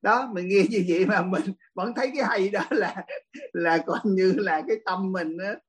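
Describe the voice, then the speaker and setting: A man, a Buddhist monk teacher giving a dharma talk Q&A, telling stories lively and laughing often. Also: sits high, moderate pace, rough recording.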